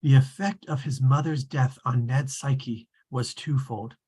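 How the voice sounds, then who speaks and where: Reading a storybook tale at a table read, a performer plays a very husky narrator whose mid-range voice has a dark tone and fairly even intonation. The mood is measured and wry, the delivery formal and precise in a dry way, with an omniscient presence.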